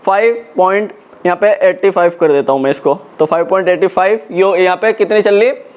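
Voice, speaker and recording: High-voiced man explaining casually. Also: fairly quick, darkish tone. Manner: chatty, repeats fillers and checks in with the viewer. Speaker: crypto tutorial YouTuber. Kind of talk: casual screen-walkthrough explanation.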